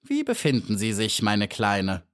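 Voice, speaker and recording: A man voicing a sly, scheming old female spider in a storybook reading, with a croaky voice and a falsely polite, mocking manner. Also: fairly low pitch, huge pitch swings, measured pace.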